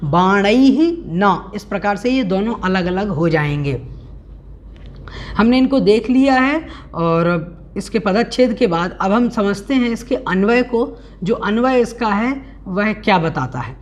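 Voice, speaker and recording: A woman teaching an online scripture class, explaining each idea and reciting verses slowly and deliberately. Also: mid-range voice, expressive. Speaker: religious teacher.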